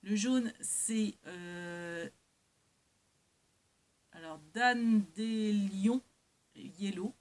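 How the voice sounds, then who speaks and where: This craft vlogger's mid-range voice moves extremely slowly, with long pauses. She chats casually to viewers while showing items from a haul, rambling, hesitating, and often correcting herself mid-thought. There's hiss in the background of a clear recording.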